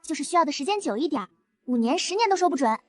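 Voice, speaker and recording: A high, quick-talking young maid in a story drama, acted by a woman. She is devoted and eager, coaxing her master sweetly and whining a little. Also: lively intonation, darkish tone. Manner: coaxing, deferential.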